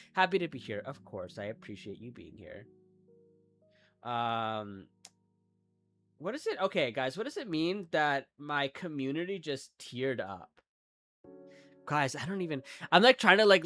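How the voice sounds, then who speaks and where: A young man from the Midwestern United States speaks in a sharp-toned, medium-pitched voice. He rambles chattily through a casual live-stream talk, full of "like" fillers and self-deprecation.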